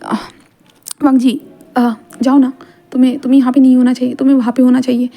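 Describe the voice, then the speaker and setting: A woman voicing a shy young man who stammers quietly, hurt and jealous. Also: high voice, flat delivery, quick pace.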